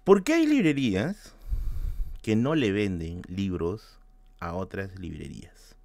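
A man with a Peruvian Spanish accent, hosting a book channel and telling a story in casual talk, switching between loud bursts and hushed asides and swearing freely. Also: low voice, very animated, takes it slowly, vocal fry, no echo. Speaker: book-collecting channel host.

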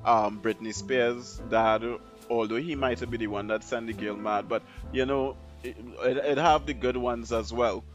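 A man's voice: medium pitch, fairly even intonation, unhurried, few pauses. Guy ranting on his podcast, blunt and rambly, kinda muffled audio w faint music behind. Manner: blunt, opinionated, rambling rant. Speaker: podcast host. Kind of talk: solo rant podcast.

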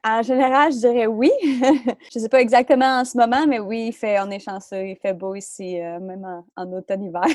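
A woman's voice: fairly high pitch, fairly even intonation, normal speed, darkish tone, no room sound, studio quality. Hesitant Québécoise woman guest. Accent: Québécois French. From Quebec. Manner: hesitant, many euhs, laughs often. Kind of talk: casual interview.

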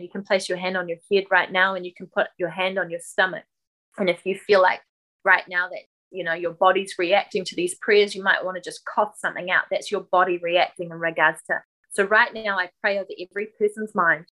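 Woman minister, deliverance prayer, bright and forceful, repetitive commands. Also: on the low side, rough recording.

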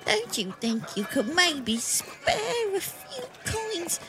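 A woman putting on a squeaky timid peasant. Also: big pitch swings, slow, music in the background, heavily acted. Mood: pleading. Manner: hesitant, pleading. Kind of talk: improvised comedy scene.

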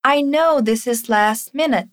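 A Brazilian woman, a native Portuguese speaker, teaching English phrases in repeat-after-me drills, saying each model phrase slowly and explaining quickly in between. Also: on the high side.

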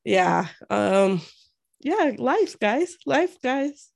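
A woman's voice: fairly high pitch, very animated, drawn-out words, vocal fry, no room sound, studio quality. Slightly congested woman, laughing podcast co-host. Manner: bubbly, laughs often, playful. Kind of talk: casual chat. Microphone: remote call.

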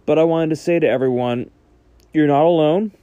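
A man hosting his own podcast, speaking earnestly in a halting way with frequent restarts. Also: a little high, warm tone, clean tone, no echo, muffled recording. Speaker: podcast host. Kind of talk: solo podcast monologue.

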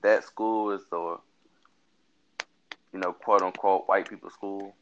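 A man's voice: deep voice, fairly even intonation, takes it slowly, a bit bright, muffled recording, a little hiss or hum. A tired young man co-hosting a casual late-night chat, laid-back and hedging as he talks. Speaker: co-host.

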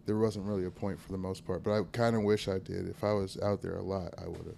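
A man's voice: low-pitched, flat delivery, fast talker, gravelly, dark tone, a little hiss or hum. Podcast guy chatting loose, cussing and cracking jokes. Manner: swearing, laughing, joking. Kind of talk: casual podcast chat.

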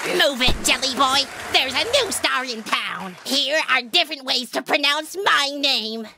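Woman voicing a shrill, vain cartoon flower. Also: expressive, unhurried, gravelly, crowd noise, exaggerated voice. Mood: indignant. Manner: shrill, dramatic, demanding. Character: vain, panicky female flower. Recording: background music.

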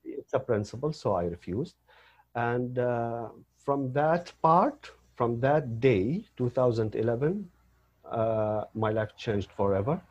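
A man's voice: mid-range voice, animated, takes it slowly, a little mellow, lo-fi sound. A man from Syria, telling his story as a guest, hesitant with many fillers and restarts. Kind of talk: personal story in an interview.

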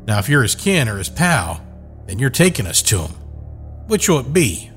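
A man's voice: mid-range voice, very animated, normal speed, faint music behind, natural voice. A man voicing a mean young male outlaw who threatens in a folksy drawl. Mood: menacing.

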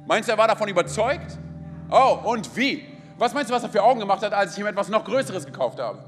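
A man's voice: high voice, animated, fast talker. A man in his thirties preaching a sermon, energetically calling out to the congregation. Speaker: pastor. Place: large church hall. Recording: hall reverb with faint music.

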